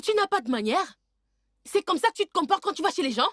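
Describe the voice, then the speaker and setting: A spoiled young princess, very high voice, scolding and indignant, French film dub. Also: female voice, big pitch swings, quick pace, a bit bright, no echo, studio quality, full character voice.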